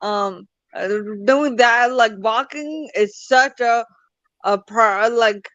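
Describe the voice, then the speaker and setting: A young woman from the United States, an interview guest telling her personal story haltingly, with restarts, over a video call. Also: fairly high pitch, a bit bright, no room sound. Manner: halting, many restarts and fillers. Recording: dull lo-fi call audio.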